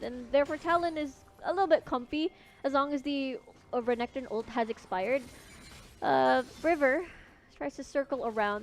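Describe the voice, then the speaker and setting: A young woman casting a live esports match, giving relaxed analysis. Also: high-pitched. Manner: relaxed analysis, laughs easily. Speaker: esports caster.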